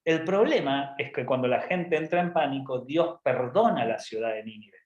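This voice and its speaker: Preacher with a joking, chatty delivery. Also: male voice, mid-range voice, expressive, normal speed, darkish tone, reverberant, dull audio. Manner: conversational, humorous, frequent tag questions. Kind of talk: informal sermon talk.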